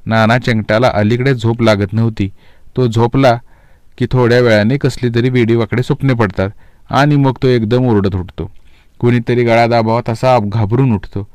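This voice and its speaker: A man's voice: mid-range voice, fairly even intonation, moderate pace, a little mellow, smooth, dry recording, studio quality. A man telling a Marathi short story aloud, narrating and voicing village characters in rustic dialect.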